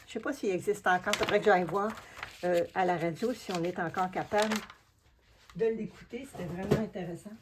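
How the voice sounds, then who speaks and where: A woman's voice: medium pitch, fairly quick, very noisy. A woman with a Québécois French accent, chatting casually with the viewer as she shows a craft step by step. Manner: chatty and familiar, explains each step while working. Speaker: collage artist and craft video host.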